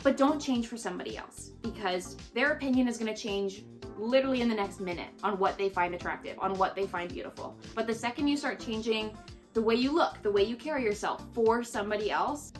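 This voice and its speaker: A woman in her twenties from Canada, talking earnestly and casually to camera with lots of "like" fillers as she gives life advice. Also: on the high side. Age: 20s. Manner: chatty and earnest, with frequent "like" fillers. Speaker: lifestyle creator.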